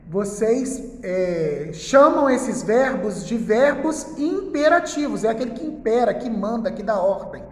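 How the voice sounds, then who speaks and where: A Brazilian man teaching a recorded school lesson in front of a whiteboard, patiently repeating key words slowly and checking in with "tá?". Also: high voice. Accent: Brazilian Portuguese. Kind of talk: recorded online class lesson. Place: classroom with a whiteboard. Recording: echoey room with long reverb.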